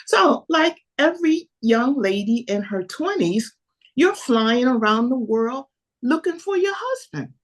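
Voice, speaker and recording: Lively older woman telling a story. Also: sits high, unhurried. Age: 70s. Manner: lively storyteller, acts out dialogue. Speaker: podcast guest. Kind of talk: storytelling in an interview.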